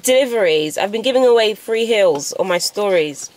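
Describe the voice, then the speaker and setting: A young woman vlogs from inside a car, and later from a bedroom, chatting casually and teasing with frequent laughter. Her voice is medium-pitched, expressive, and a little mellow, moving at a moderate pace.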